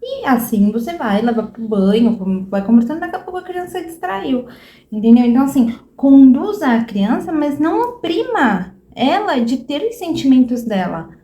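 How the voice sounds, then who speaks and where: Brazilian woman, mother giving parenting advice, fairly high voice, emphatic, echoey room. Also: sing-song, normal speed, mellow. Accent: Brazilian Portuguese. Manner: emphatic, keeps asking "entendeu?" and posing rhetorical questions. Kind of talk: casual advice talk to camera.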